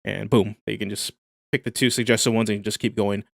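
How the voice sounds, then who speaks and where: A man's voice: lowish voice, level tone, normal speed, vocal fry, dry recording, clean studio sound. Casual man hosting a game livestream. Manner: enthusiastic, casual slang, reads chat aloud. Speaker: livestream host.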